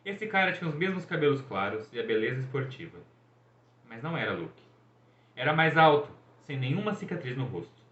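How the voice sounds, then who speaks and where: Guy reading a novel out loud, lots of up and down, echoey muffled room. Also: mid-range voice, a little fast. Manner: expressive, storytelling. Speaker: reader. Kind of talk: audiobook reading. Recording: echoey, dull room recording.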